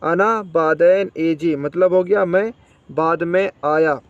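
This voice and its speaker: A man's voice: on the high side, takes it slowly, no echo, dull audio. A man teaching spoken Arabic vocabulary, repeating each word and quizzing the listener.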